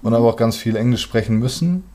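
A musician and rapper whose first language is German speaks in a warm, medium-pitched voice with lively intonation and a fairly quick pace. It's casual, colloquial conversation, and he hesitates often as he hunts for words.

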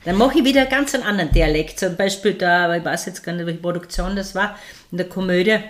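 A middle-aged actress from Styria speaks with a Styrian Austrian German accent as a guest in a casual interview. Her voice is fairly low and she talks fast, telling stories sprinkled with many tag questions.

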